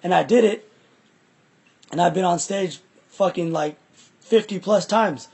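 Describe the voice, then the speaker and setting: A young man in casual, reflective conversation, halting and repeating himself, with some loose swearing. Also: sits high, gravelly, darkish tone, slightly rough. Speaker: musician.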